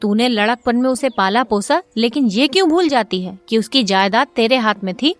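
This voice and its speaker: A woman voicing a village record-keeper who lectures slowly and deliberately. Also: a little high, expressive, dry recording, soft background music, close to an everyday voice. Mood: stern. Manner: slow, measured.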